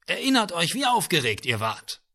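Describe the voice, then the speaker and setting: Storybook conductor, kindly and a bit flustered, put on by a male narrator; raised, bright, lively delivery. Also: high voice, moderate pace, creaky, pitched above the performer's own voice, exaggerated voice. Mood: coaxing.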